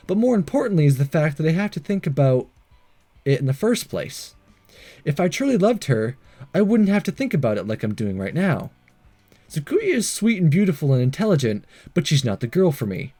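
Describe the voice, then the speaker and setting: A let's player with a mellow, fairly high-pitched voice reads a visual novel aloud. He tosses in casual, sarcastic asides and occasionally stumbles over words.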